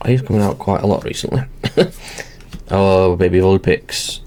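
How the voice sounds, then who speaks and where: A man's voice: low voice, moderate pace, darkish tone, a little hiss or hum. A man hosting his channel, chatting casually and talking himself through each step as he opens card packs at his desk. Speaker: channel host. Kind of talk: casual commentary while opening card packs.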